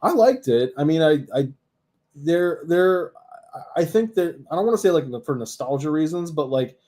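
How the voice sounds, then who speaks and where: A man's voice: on the high side, animated, normal speed, mellow. A man in his thirties co-hosting a sports podcast, chatting casually with many fillers and hesitations. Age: 30s. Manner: hesitant, filler-heavy, laughing asides. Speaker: podcast co-host.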